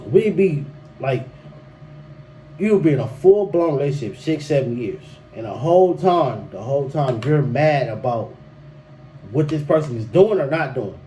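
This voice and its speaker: Delivering a solo relationship-advice monologue on his podcast, this young host has a slightly high, warm voice. He's loose and emphatic, repeating himself, restarting often, and tossing in "bruh," while the poor audio carries faint background noise.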